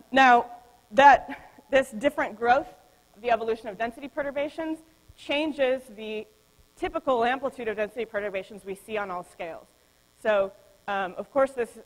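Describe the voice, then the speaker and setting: Woman lecturer, academic talk, halting explanatory delivery with ums, long hall reverb. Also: a little high. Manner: explanatory, frequent ums and self-corrections. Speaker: physics lecturer.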